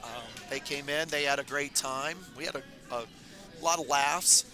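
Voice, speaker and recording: A man with a raspy voice, hoarse from talking all weekend, commentates casually on a live curling stream from the club. His voice is a little high and his pace moderate, with faint music behind him as he rambles relaxedly with lots of fillers.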